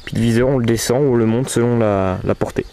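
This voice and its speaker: A man's voice: medium pitch, fast, warm tone. A man casually showing his archery gear to his camcorder at home, hesitating often with fillers. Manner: hesitant, many fillers, talks to camera. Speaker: archery vlogger. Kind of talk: casual equipment demo. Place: outdoors at home. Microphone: camcorder mic. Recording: camcorder recording with background noise.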